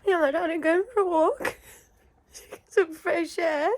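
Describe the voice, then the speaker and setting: A woman's voice: very high-pitched, fairly even intonation, a little slow, darkish tone. A woman filming a video diary in a panic, short of breath and tearful. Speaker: vlogger. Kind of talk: self-filmed video diary.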